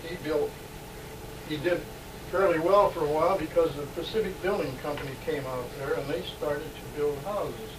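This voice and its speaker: An older American man in his late sixties reminisces in an interview, pausing often mid-phrase. He sits away from the microphone in a roomy home, captured on old worn tape with heavy noise. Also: on the high side, recorded from a distance. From San Diego, California. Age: late 60s. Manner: halting, pauses mid-phrase. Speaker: oral history interviewee. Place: in a home, 1970s tape recording.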